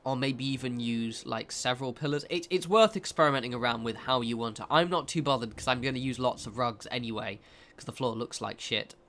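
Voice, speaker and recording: Stuffed up and nasal with a cold, a man who makes game videos chats his way through a building tutorial, wandering off and fixing his own words as he goes. He speaks a little fast at medium pitch, with a somewhat bright sound.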